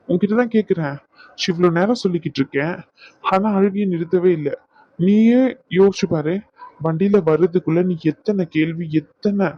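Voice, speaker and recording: A man's voice: high-pitched, no room sound. A man voicing a wounded, stubborn young husband in a Tamil audio drama, lecturing his wife in a stern tone. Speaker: husband Raghu, hurt and stern. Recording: dull, lo-fi dry recording.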